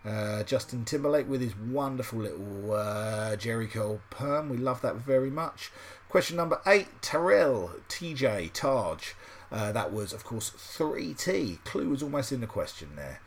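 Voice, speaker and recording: A man's voice: medium pitch, expressive, a little slow. A man hosting a casual podcast quiz special, reading out answers in a loose, sweary and sardonic way with plenty of fillers. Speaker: podcast host.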